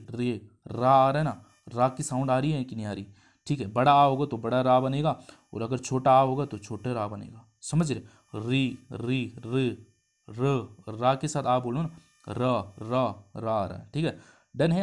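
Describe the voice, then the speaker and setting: A man teaching a Hindi grammar lesson for an exam. He explains step by step, keeps asking his students whether they follow, and sounds out syllables slowly, repeating them. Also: mid-range voice, a little mellow. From India. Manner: explains step by step, asks the class questions.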